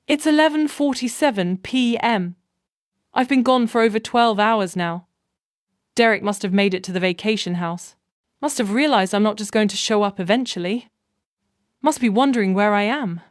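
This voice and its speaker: A woman reading a scripted first-person story in a measured, even way. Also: medium pitch, dry recording, clean studio sound.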